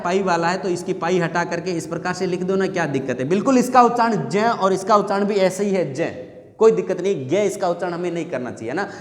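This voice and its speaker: A male Hindi teacher giving an exam-prep grammar lesson. He asks the students questions, answers them himself, and repeats the key points. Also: high voice. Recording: echoey room with long reverb.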